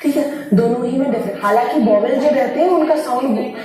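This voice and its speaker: A woman's voice: high-pitched, brisk, crowd noise. A woman teacher giving a grammar lesson, explaining step by step and answering her own questions. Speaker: English teacher. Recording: very echoey room, distant mic.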